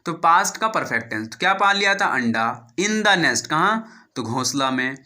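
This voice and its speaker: A man's voice: on the high side, animated, normal speed, bright, forceful tone. A man with an Indian accent teaching English, reading a story line by line, translating each phrase, spelling out words and asking and answering his own questions.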